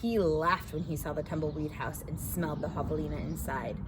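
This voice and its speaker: Telling a children's story with expression and addressing the young audience directly, this American woman from the southwestern desert speaks fairly quickly in a low voice with fairly even intonation. Background noise is audible.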